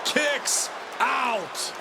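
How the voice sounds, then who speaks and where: A man's voice: very high voice, lively intonation, drawn-out words, creaky. A man giving dramatic, emphatic commentary as a wrestling commentator. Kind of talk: excited play-by-play and color commentary on a wrestling match. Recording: loud crowd noise behind. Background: roaring arena crowd, slams.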